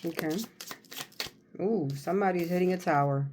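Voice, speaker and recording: A woman host chatting casually and rambling through a tarot card reading, folksy and jokey, often pausing and repeating herself. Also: on the low side. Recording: clear background noise, card shuffling and clicks.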